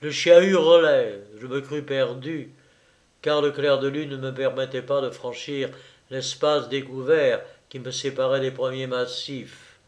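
A man narrating a classic novel in a measured, deliberate reading. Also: mid-range voice, steady tone.

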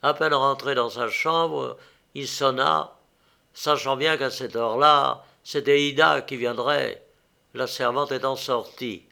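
A man reading a novel aloud as narrator, measured and steady. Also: medium pitch, vocal fry. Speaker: audiobook narrator.

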